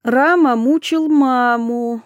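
A woman's voice: high voice, slow, no echo, dull audio. A woman reading the lines of a childlike, strange young woman in an audiobook, in a naive singsong way. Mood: childish.

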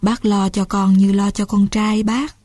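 A woman reading the lines of a kindly middle-aged uncle who speaks gently and later scolds in exasperation. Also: medium pitch, level tone, unhurried, dry recording, lightly acted. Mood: gentle.

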